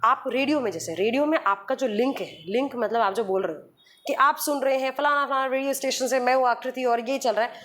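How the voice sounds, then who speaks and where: A woman's voice: high voice, a little fast, fairly bright tone. A woman radio jockey being interviewed, explaining patiently with examples and slipping in English phrases. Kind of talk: podcast interview conversation.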